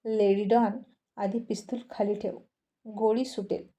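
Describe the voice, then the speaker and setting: A woman's voice: mid-range voice, little pitch movement, measured pace, warm tone, natural voice. A woman voicing a short-tempered young businessman husband in a storybook reading, curt and irritated, mixing in English phrases.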